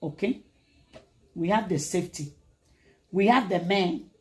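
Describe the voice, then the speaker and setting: A woman with a Ghanaian accent hosts a casual livestream, chatting in an animated, lively way and slipping between English and Twi. Her voice is husky, with a slightly breathy edge. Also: on the low side, a little slow. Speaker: livestream host.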